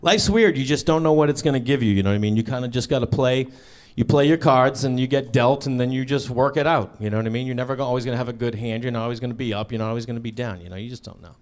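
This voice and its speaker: A man doing a stand-up comedy set on stage, telling a story with lively delivery and acting out the voices of the people in it. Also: mid-range voice, racing, few pauses. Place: comedy club stage before a live audience.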